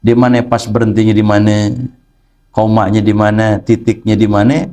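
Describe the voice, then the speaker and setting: A man's voice: lowish voice, flat delivery, normal speed, dark tone. A man teaching a religious text lesson, explaining playfully with rhetorical questions. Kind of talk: kitab study lesson.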